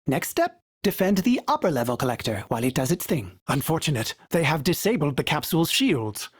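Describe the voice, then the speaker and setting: These game character lines come from a performer voicing a fussy, courteous male starship AI that talks about itself in the third person through a glitchy synthetic filter. He's dry-witted and wistful, and his pitch swings widely and jumps suddenly. The pace is fairly quick, the voice slightly rough, and there's no room sound.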